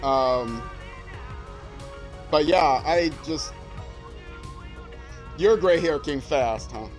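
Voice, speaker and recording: Over soft background music, an older retired man streams a game, talking very slowly in a young-sounding voice on the high side. His casual commentary rambles with many fillers.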